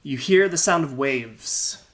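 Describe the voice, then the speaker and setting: A man narrating a tabletop game in the second person as game master, halting often to restart and correct himself. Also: mid-range voice, expressive, fairly bright tone.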